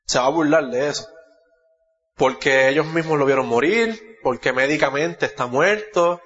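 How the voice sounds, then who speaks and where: Puerto Rican male preacher, explains scripture verse by verse, self-correcting, slightly high voice, muffled hall sound. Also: fairly bright tone. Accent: Puerto Rican Spanish. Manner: expository, reads Bible verses aloud, corrects himself. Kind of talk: sermon.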